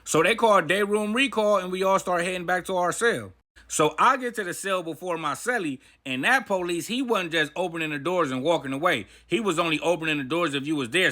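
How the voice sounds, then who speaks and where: A man's voice: on the high side, pushed and bright. A man telling a personal story in a casual, profane, slang-heavy way. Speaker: vlogger. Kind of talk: storytime monologue.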